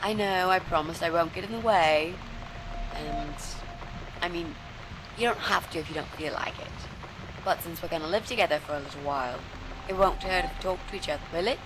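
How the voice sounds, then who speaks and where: A woman voicing a friendly, eager young flatmate in a horror video game who chatters on. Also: fairly low pitch, a little fast, close to an everyday voice. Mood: chatty. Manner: friendly and eager, talks on in a rush. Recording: rain noise behind the voice.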